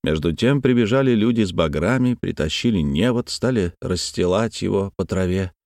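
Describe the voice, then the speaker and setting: A man narrating a classic novel in a measured, expressive reading. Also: deep voice, no echo, clean studio sound. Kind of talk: scripted literary narration.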